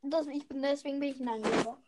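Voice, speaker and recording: A woman's voice: high voice, fairly even intonation, fast, background noise. A young female voice chatting casually while playing a video game, teasing and chanting in a sing-song way. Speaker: player. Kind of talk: casual gaming chat.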